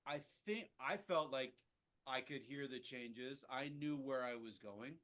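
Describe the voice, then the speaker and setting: A man's voice: mid-range voice, a little slow, fairly bright tone. A man leading a casual jazz improvisation lesson, rambling with lots of restarts and fillers. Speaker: jazz teacher.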